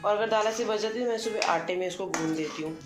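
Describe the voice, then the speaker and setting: A woman's voice: medium pitch, quick pace. A woman in her thirties, a homemaker, chatting casually through her day at home, thinking aloud and mixing in English words. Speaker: homemaker vlogger. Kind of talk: casual daily vlog narration. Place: home kitchen. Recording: echoey room with background music.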